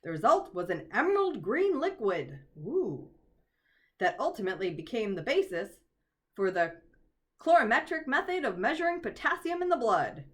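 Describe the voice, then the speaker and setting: A woman reading a story aloud while guiding listeners through a meditation. Her voice sits a little high and moves up and down a lot. She keeps stepping away from the text to make playful jokes. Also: very animated, normal speed. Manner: playful, laughs at her own asides. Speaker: oracle card reader and storyteller. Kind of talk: casual reading and meditation guidance.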